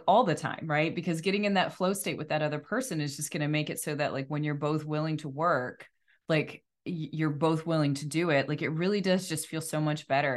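A woman talking casually and reflectively, rephrasing her thoughts informally as she goes. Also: low-pitched. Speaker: life coach and energy healer. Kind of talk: casual conversational discussion.

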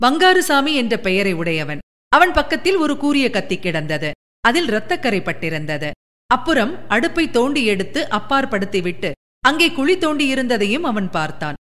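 A woman's voice: fairly high pitch, fairly bright tone, in a large hall. A woman narrating a novel as an audiobook, telling it expressively and acting out the characters' lines.

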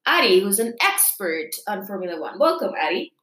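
A woman's voice: medium pitch, big pitch swings, brisk, a bit bright. A young woman from Rica, hosting a casual interview and asking chatty, curious questions. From Costa Rica. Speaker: host. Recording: echoey room.

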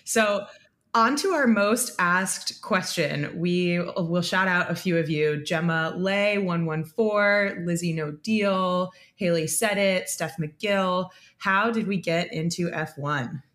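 Friendly woman in her twenties, low voice. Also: slow pace, a bit bright. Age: 20s. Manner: friendly, laughs easily, loose. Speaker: podcast co-host. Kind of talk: casual podcast chat.

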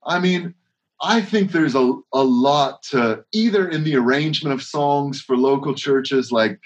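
Over lo-fi sound, a worship leader with a medium-pitched voice speaks a little slowly in a casual interview. He rambles with frequent restarts and runs of rhetorical questions.

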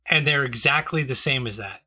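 A man's voice: mid-range voice, normal speed, pushed and bright, breathy edge. A man chatting casually and joking sarcastically, who grew up in a Mexican community. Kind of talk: casual chat.

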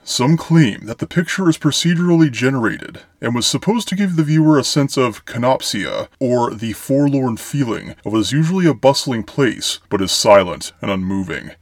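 A man's voice: medium pitch, lively intonation, normal speed, hardly any pauses, no room sound, clean studio sound. A man narrating eerie horror tales as a show host, in a grandiose, florid, theatrical storyteller manner. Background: music.

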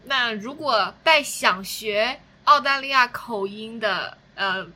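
A woman's voice: a little high, slow pace, sharp tone. A woman hosting a podcast interview, steering the chat with questions and short acknowledgments. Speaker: podcast host.

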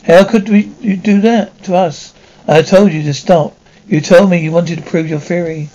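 A man's voice: high voice, fairly even intonation, normal speed, warm tone, highs cut off. A man acting out military pilots and other characters of a period drama, with a stumbling delivery full of restarts. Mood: argumentative.

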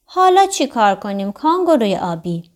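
A woman voicing a bright, determined little girl in a children's storybook, speaking in an eager, raised childlike voice. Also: on the high side, very animated.

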